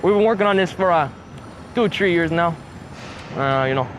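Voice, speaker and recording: A young man plays a dopey construction worker with a high voice, rambling along in a halting, mock-serious way. Street traffic hums clearly behind him outdoors. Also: close to an everyday voice. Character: laid-back, dim male construction worker. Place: outdoor construction site by a road.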